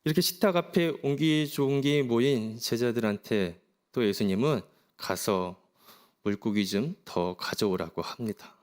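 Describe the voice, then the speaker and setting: A middle-aged man from South Korea, a pastor preaching a sermon in a gentle, reflective storytelling manner. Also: medium pitch, a little slow.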